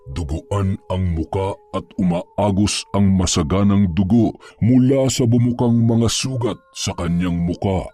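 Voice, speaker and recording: A man narrating a scripted horror story in a measured, suspenseful storytelling manner. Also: on the low side, mellow.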